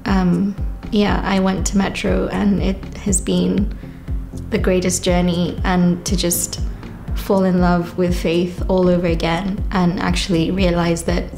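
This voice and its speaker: A young woman shares her faith story in a soft, lower, gravelly voice. She speaks in a reflective, unhurried way, pausing often. Her delivery stays fairly even in pitch, with faint music underneath. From Kenya. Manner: reflective, unhurried, with frequent pauses. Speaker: church member giving testimony. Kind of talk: personal testimony.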